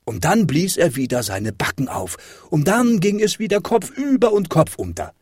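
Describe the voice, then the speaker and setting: A man reading a children's fairy tale aloud with expressive, dramatic delivery. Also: on the high side, normal speed, husky, no echo, studio quality. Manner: lively, dramatic rises and falls. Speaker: storyteller.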